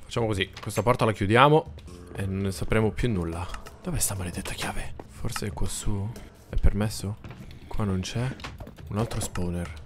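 A man's voice: on the low side, moderate pace. Jumpy Italian-speaking gamer guy. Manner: jumpy, frightened, repeating words in panic; talks to the monsters and viewers. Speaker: gaming YouTuber. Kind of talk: late-night gameplay commentary. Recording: keyboard clicks and background noise.

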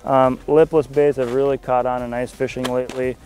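A young man giving a casual walkthrough of his fishing gear outdoors on a frozen lake, talking in a relaxed, conversational way with frequent fillers. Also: mid-range voice, brisk, soft background music. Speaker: fishing staff presenter.

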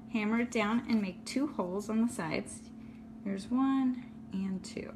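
A woman's voice: medium pitch, noisy background. A woman hosting a casual step-by-step craft tutorial, talking in a friendly, practical way while she works with her hands at an indoor table. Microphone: phone camera filming hands from above.

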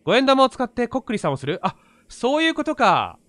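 A man's voice: extremely high pitch, very animated, fairly quick, fairly bright tone. A man casually commentating a horror game, talking to himself and reading screen text aloud. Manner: talks to himself, narrating each step. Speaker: gamer playing a horror game.

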